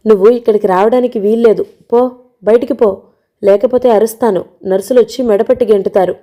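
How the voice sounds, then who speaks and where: A woman's voice: fairly high pitch, fairly even intonation, brisk, lo-fi sound, close to an everyday voice. A woman voicing a bitter, grieving middle-aged mother who hurls accusing tirades. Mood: bitter scolding.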